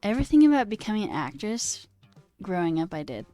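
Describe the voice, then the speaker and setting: With big pitch swings and a slightly fast pace, this young woman's mid-range, mellow voice comes through on a dry recording. She's a live coding streamer chatting casually on stream in a put-on British accent, reading comments aloud with theatrical self-deprecation while music plays underneath.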